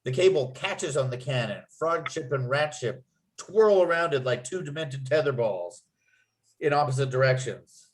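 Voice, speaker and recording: This writer-narrator reads scene headings and action aloud at a script table read, his mid-range voice animated and at normal speed.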